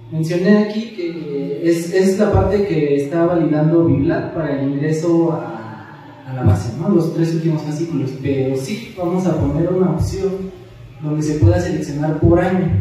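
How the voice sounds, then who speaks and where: A man on a panel patiently explaining how a software tool works in answer to a question. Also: fairly high pitch, slight background noise. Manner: patient, explanatory, restarts phrases. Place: large auditorium. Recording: very echoey hall, far from the mic.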